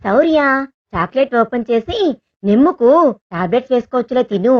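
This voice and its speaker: A woman voicing a young man who speaks to his beloved in a soft, affectionate, teasing way, read as part of a romantic storybook narration. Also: fairly high pitch, lively intonation, a little fast, lo-fi sound. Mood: tender.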